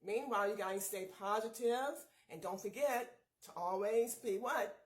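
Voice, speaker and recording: A woman beauty vlogger walks through a skincare routine in a relaxed, chatty way. She keeps speaking straight to her viewers with easy encouragement. Her voice sits at an ordinary middle pitch. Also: moderate pace, rough recording. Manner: chatty, often addresses viewers as you guys; upbeat, encouraging pep talk. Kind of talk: casual skincare tutorial.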